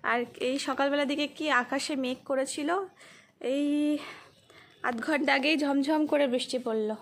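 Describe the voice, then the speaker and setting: Soft-spoken high-voiced woman vlogger. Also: a little hiss or hum. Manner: soft-spoken, chatty, talks to her child in a sing-song voice. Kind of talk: casual daily-life vlog narration.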